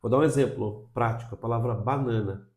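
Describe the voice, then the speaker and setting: A Brazilian English teacher with a Brazilian Portuguese accent gives a brisk, chatty video lesson in a warm, mellow, middle-pitched voice. He explains things clearly and checks in often with "tá?", and the room adds a noticeable echo.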